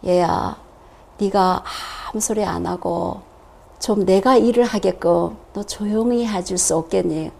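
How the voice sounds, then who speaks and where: A woman voicing a gentle, fatherly God who speaks softly to his child. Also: medium pitch, unhurried, vocal fry, voice pushed down. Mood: gentle coaxing.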